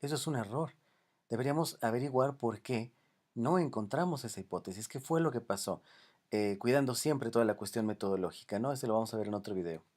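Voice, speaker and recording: Male lecturer, mid-pitched, unscripted delivery, frequent hesitations and tag questions. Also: a little fast, darkish tone. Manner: unscripted, many "eh" fillers and "¿no?" tags. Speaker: university lecturer. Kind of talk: recorded lecture.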